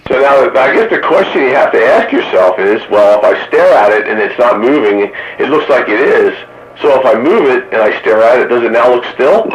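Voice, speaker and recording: Over a two-way radio, an amateur operator in a round table swaps casual chat and jokey stories, his medium-pitched voice expressive and a little fast. The signal comes through a receiver as muffled, staticky reception with a faint background noise.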